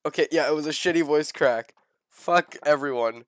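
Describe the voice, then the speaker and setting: A young man who is sick, streaming a game, swearing a lot and breaking into excited shouts. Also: fairly high pitch, normal speed, no echo. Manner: profane, swings into excited shouting. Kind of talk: gaming livestream commentary. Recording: game music playing loudly behind. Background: game music.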